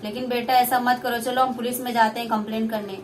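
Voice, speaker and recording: A young woman voicing a poor, loving older father in a puppet play, anxious and gentle. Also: fairly high pitch, flat delivery, fast talker, a little hiss or hum, lightly acted. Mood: worried.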